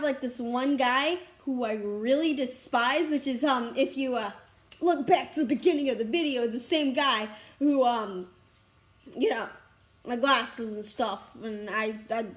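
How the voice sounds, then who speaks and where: A young woman in a casual vlog, rambling excitedly and breathlessly about her school day, recorded outdoors on a school campus. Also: high-pitched. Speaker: vlogger.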